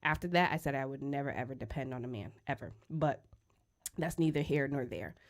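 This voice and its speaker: A woman in her thirties co-hosting a casual studio podcast, outspoken and joking, often breaking into loud laughs. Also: extremely low pitch, lively intonation, brisk. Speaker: podcast co-host. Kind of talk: casual chat. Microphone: studio microphone.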